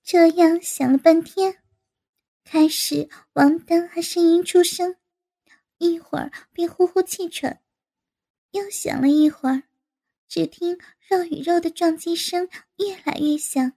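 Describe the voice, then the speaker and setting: A woman narrating an adult audio story in an unhurried, even reading style. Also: very high-pitched.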